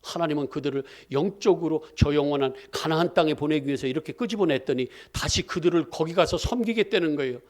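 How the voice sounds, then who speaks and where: A pastor preaches a sermon in a lively call-and-response style, firing questions at the congregation and answering them himself. His voice is a little high, and he talks quickly with few pauses.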